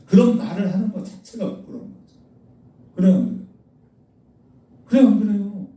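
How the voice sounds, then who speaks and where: A pastor with a high, mellow voice preaches in a church sanctuary, brisk and lively in intonation. He's blunt and scolding, firing rhetorical questions at the congregation. The distant mic picks up the echoey hall and slight background noise.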